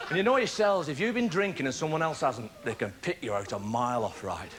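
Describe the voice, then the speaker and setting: A male stand-up comedian, telling a story in a wry, deadpan way. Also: mid-range voice, fairly quick, a little hiss or hum. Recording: live stage mic, loud crowd laughter.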